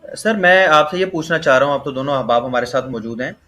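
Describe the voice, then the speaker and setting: A man's voice: medium pitch, fast talker, bright, forceful tone, highs cut off. A man moderating an online debate, politely encouraging the speakers and putting questions to them.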